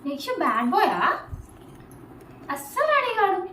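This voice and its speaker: A woman's voice: extremely high pitch, wildly swooping pitch, normal speed, far from the mic, background noise. A woman family vlogger talking in a casual, cooing, sing-song baby talk as she coaxes a small child, repeating herself. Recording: echoey room.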